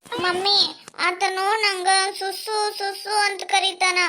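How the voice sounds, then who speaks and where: A woman's voice: extremely high pitch, monotone, slow, pushed and bright, slight background noise, exaggerated voice. A woman voicing a tearful little girl in a cartoon, complaining in a sing-song whimper with a North Karnataka accent. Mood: whining tearful. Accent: North Karnataka Kannada.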